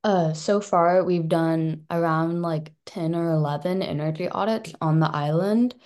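Low-voiced young woman, casual. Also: measured pace, darkish tone. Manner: casual, sprinkled with "like". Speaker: college student and service corps member. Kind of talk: casual interview talk.

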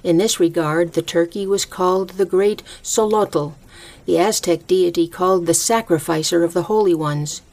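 A woman with a slightly low voice presents a scripted nature essay. She reads in a measured, reflective way with careful enunciation, much like a nature documentary narrator. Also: a little mellow. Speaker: host of a short spoken-essay program.

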